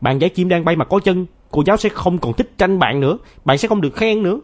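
A man voicing a sulky, stubborn schoolboy who argues in a high, childish shout. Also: animated, fast. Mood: angry.

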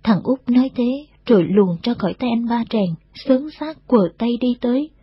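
Brief: woman storyteller, very breathy, dry lo-fi recording. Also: fairly high pitch, no room sound. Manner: steady, unhurried storytelling, voices every character. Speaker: narrator. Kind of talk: scripted story narration.

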